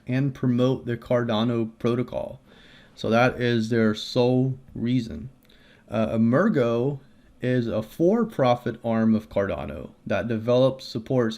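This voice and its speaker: A man's voice: mid-range voice, a little mellow. A man giving a casual explainer while walking through a screen, with frequent fillers and restarts. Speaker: crypto video creator.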